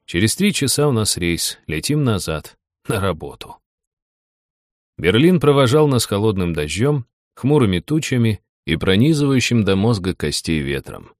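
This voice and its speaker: A man narrating a first-person audiobook in an even, steady storytelling manner. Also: on the low side, normal speed, dry recording, studio quality.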